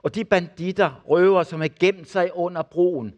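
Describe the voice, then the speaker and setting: A man's voice: sits high, lo-fi sound. An older man preaching, telling testimony stories and acting out the people in them. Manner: animated storyteller acting out the people in his stories. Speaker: preacher and former missionary. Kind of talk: sermon testimony.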